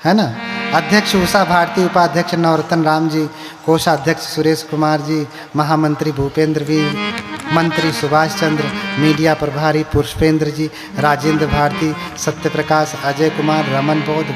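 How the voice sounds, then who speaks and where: Echoing monk preaching in a hall. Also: male voice, on the high side. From India. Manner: preacherly, asks the crowd questions, chants verses. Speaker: Buddhist monk giving a katha. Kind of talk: live sermon to a crowd. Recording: live hall with long echo and music.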